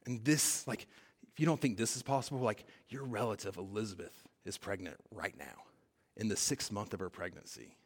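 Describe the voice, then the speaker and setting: A man preaching a sermon in a conversational way, building to emphatic peaks and dropping to quiet, stressed lines. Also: on the low side, normal speed, breathy edge. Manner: conversational preaching with fillers and paraphrased dialogue. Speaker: pastor.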